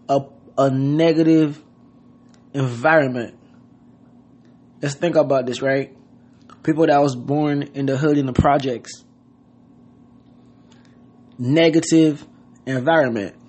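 Pausing often, the Haitian podcast host speaks slowly in a steady, slightly mellow mid-range voice. His casual motivational monologue is earnest and loosely phrased, with frequent "you know what I mean."

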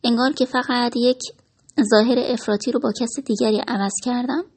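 A woman narrating a first-person story in a reflective, expressive reading. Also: on the high side.

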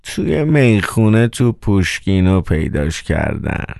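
Man voicing a sluggish evasive theater manager, slow lip-smacking mumble, deep voice, dry. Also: sing-song, gravelly, darkish tone, no room sound, heavily acted.

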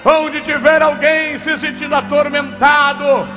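A very high, bright and forceful male voice with a Brazilian Portuguese accent, preaching at a church service. He swings between quick murmured phrases, shouted commands and streams of speaking in tongues. The recording has a long hall reverb with faint music underneath. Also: flat delivery. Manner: alternates hushed rapid speech with shouted commands and bursts of tongues. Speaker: pastor.

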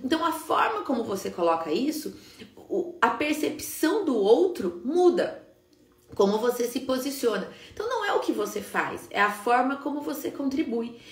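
Animated woman coaching in a live stream. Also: sits high, normal speed, roomy sound. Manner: animated, emphatic, frequent "né?" tags. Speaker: business coach for party decorators. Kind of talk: live-stream business talk.

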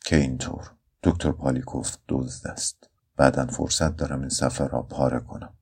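A man reading a story aloud in a somber, measured first-person narration. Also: rumbling low, a little mellow, husky. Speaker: audiobook narrator.

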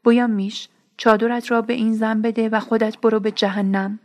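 A woman's voice: a little high, level tone, a little mellow, close to an everyday voice. A woman reading as a cold, ruthless young warrior. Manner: cold, scornful, harsh.

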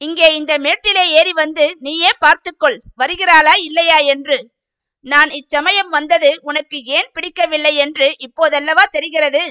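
A flustered young village farmer defends himself and pleads to be believed, voiced by a woman reading a storybook. The voice stays high and bright, with little lowering for the man. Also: fairly even intonation, moderate pace. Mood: defensive.

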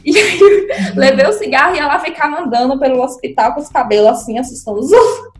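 A woman's voice: normal speed, pauses often. A young woman, telling family stories as a podcast co-host and acting out the quotes. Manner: animated, acts out quotes with big pitch jumps. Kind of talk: casual storytelling chat. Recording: roomy echoey room.

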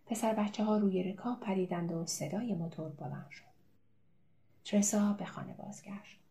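A woman reads a novel aloud in a calm, measured way, her voice mellow and darkly warm. The delivery stays even and steady, like a careful audiobook narration. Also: lowish voice.

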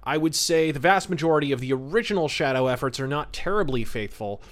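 This podcast host talks fast in a fairly high, slightly bright voice with lively intonation. His semi-scripted commentary is emphatic and theatrical, rich in florid language.

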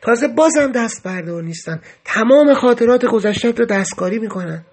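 Male memoir narrator, first person, earnest and grave, husky tone. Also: extremely high pitch, a little mellow. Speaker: podcast narrator.

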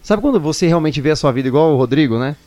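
Fast-talking young man. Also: a little high, dry recording, faint music behind. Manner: animated, quotes people in excited voices. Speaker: singer telling a personal story. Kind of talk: casual storytelling.

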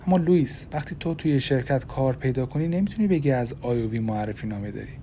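A man's voice: medium pitch, lively intonation, dark tone, a little hiss or hum, close to an everyday voice. A man voicing an anxious, tearful young wife in an audiobook, with fearful, pleading questions. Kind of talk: audiobook character voice.

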